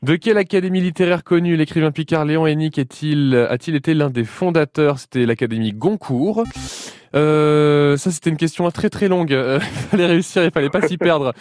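A man's voice: a little high, moderate pace, a little mellow, dry recording. A man with an accent from France hosting a radio quiz in a chatty, polite and encouraging way. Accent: French from France. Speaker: radio quiz show host. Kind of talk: lively radio quiz presenting.

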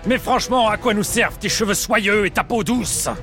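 A woman's voice: mid-range voice, normal speed, a bit bright, soft background music, close to an everyday voice. A woman voicing a mighty warrior prince who scolds and mocks his younger brother, in a storybook tale. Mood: scornful. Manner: scolding, mocking.

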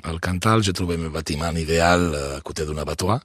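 Very deep Catalan-accented man. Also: quick pace, fairly bright tone, no echo, clean studio sound. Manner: short answers, laughs, non-native grammar. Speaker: leather craftsman, radio guest.

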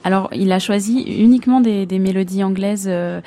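A woman's voice: mid-range voice, moderate pace, mellow. A woman from Belgium with a light Belgian French accent, an opera singer chatting as a radio guest, hesitant and full of restarts. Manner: hesitant, many fillers and restarts, laughs easily. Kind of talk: casual interview chat. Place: live radio show before a public.

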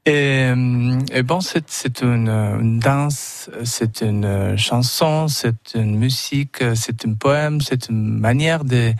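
A man with a foreign, Argentine Spanish accent in French gives interview answers at a slow pace. He searches for words and builds halting, non-native sentences. The sound is dry, with little room around him. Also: mid-range voice, dry recording. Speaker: festival artistic director, tango teacher and dancer.

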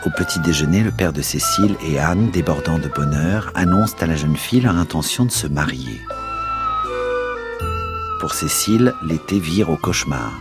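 A male radio host narrating a novel in a steady, expressive reading. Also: a bass voice, normal speed, over loud music.

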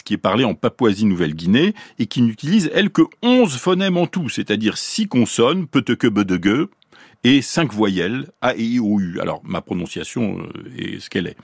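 Husky, lively man explaining on radio. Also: fairly low pitch, dry recording, clean studio sound. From Paris, France. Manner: clear, lively teaching tone, slows to pronounce examples. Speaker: science columnist explaining linguistics.

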